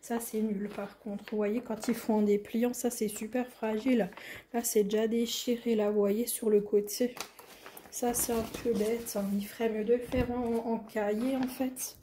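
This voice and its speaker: A French woman vlogger talks slowly through a craft unboxing, her voice a little high yet mellow and dark. She gushes with enthusiasm and often sinks to a soft near whisper. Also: flat delivery, a little hiss or hum. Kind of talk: casual unboxing chat.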